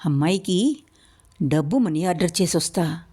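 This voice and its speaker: A woman reading a story aloud, voicing a gentle, pitying old village man. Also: on the low side, lively intonation, normal speed, slightly rough. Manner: soft, pitying speech.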